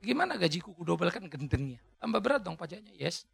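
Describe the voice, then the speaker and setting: Gravelly, animated male preacher. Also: sits high, fast. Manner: lively preaching with jokes and shouted climaxes. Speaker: pastor. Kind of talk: sermon.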